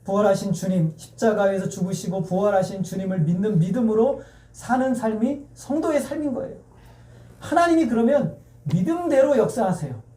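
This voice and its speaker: A man's voice: sits high, animated, normal speed, warm tone. Echoey distant male pastor preaching. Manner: emphatic, repetitive, asks the congregation questions. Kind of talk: sermon. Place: church sanctuary. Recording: echoey church sound heard from afar.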